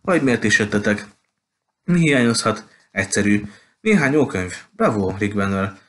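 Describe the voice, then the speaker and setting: A man's voice: on the low side, very animated, a bit bright. A man voicing a talkative, gushing petite woman who runs a bookshop, in an audiobook. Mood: chatty. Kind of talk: audiobook character voice.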